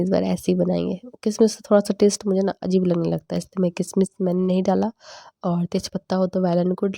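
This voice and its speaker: A woman's voice: fairly low pitch, vocal fry, dark tone, no room sound, studio quality. A young woman casually narrating a home cooking vlog, chatty and laughing often. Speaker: vlogger.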